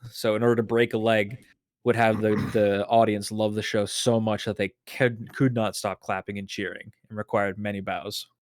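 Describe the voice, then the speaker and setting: A man's voice: on the low side, level tone, moderate pace, no echo, studio quality. A man, the game master, chatting with players and telling a bit of trivia in a casual, storytelling way. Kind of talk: casual chat among players.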